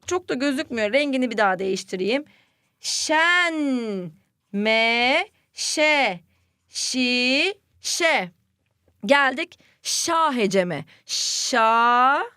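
A young woman teaching first graders to read. She sounds cheerful and speaks slowly, repeating each word aloud for the children. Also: high voice, animated, sharp tone, smooth, no room sound, studio quality. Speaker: primary school teacher. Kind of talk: children's reading lesson.

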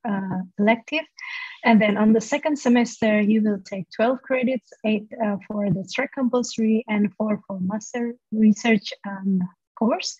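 A university lecturer presents a study program over a video call in a medium-pitched, slightly mellow, husky voice, with many "uh" fillers. Her laptop mic gives dull lo-fi audio with no echo.

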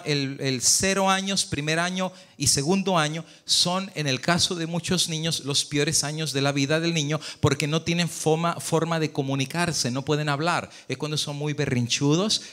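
A man's voice: fairly high pitch, fairly bright tone. A man, a pastor, preaching a sermon in Spanish and explaining points to the congregation with rhetorical questions.

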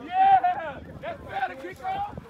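A man coaching youth football outdoors, exhorting players in a shouted pep talk of short, repeated commands. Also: very high voice, big pitch swings, slow, narrow, tinny audio. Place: outdoors at a football field sideline. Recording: noisy outdoor crowd, far from mic.

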